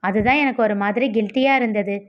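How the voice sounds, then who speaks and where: A woman's voice: medium pitch, fast talker, lo-fi sound, close to an everyday voice. A woman voicing a young man who is guilty and apologetic, speaking hesitantly and coaxingly.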